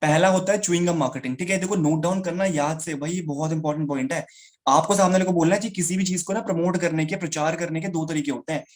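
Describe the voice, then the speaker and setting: Video call पर live sales training देता एक आदमी, जो श्रोताओं को "गाइस" और "भाई" कहकर बातचीत के अंदाज़ में समझाता है।. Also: male voice, on the high side, fairly even intonation. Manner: fast, chatty, addresses listeners as guys and brother. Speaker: sales trainer. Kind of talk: live online sales training. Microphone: video call.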